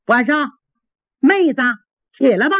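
A woman's voice: sits high, expressive, a little slow, dry recording, pitched above the performer's own voice. A woman playing a gracious young princess. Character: proud young princess, softening and kind. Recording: dry, tinny phone-like sound.

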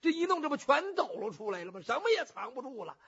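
A nervous man pleads and hushes, his voice husky and bright, as a male storyteller puts him on. The sound is muffled, like an old lo-fi recording. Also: very high voice, very animated, quick pace, voice pushed up, exaggerated voice. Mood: pleading. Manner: pleading, placating. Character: anxious nervous man, pleading, scheming host.

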